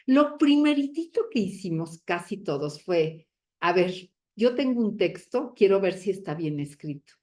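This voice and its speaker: A woman giving a conference talk as a university teacher, lively, with many fillers and self-corrections. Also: mid-range voice, moderate pace.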